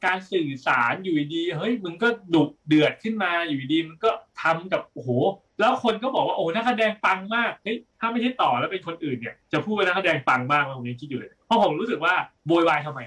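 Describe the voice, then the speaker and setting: Man, heated blunt film critic, high-ish voice, a bit distant from the mic. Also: lively intonation, quick pace, hardly any pauses, fairly bright tone. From Thailand. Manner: blunt, heated ranting with profanity. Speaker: film reviewer co-host. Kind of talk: casual podcast chat.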